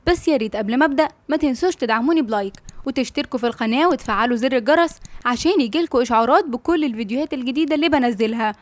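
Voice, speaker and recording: A woman's voice: high voice, no echo. A woman with an Egyptian accent hosting a channel and reading a novel aloud with affectionate, chatty asides. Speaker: audiobook narrator and channel host.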